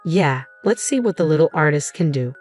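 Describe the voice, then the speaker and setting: Woman doing a sneering sister, low voice, snide, bitter, soft music behind. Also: animated, moderate pace. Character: spiteful jealous adult sister, drunk.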